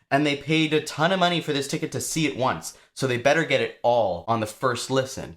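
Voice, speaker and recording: A young adult man explaining songwriting to viewers in a chatty, lively way, with casual asides. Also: medium pitch. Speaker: songwriting teacher.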